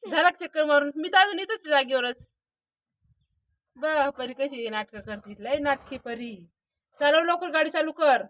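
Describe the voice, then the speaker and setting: A woman's voice: sits high, lively intonation, moderate pace, a bit bright, no room sound. A young woman chatting casually to her viewers as she films her small daughter, repeatedly urging them to take a look. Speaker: vlogger filming her daughter. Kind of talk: casual vlog narration to viewers. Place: outdoors in the countryside, partly sitting in a vehicle. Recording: noisy outdoor phone recording. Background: sheep and outdoor sounds.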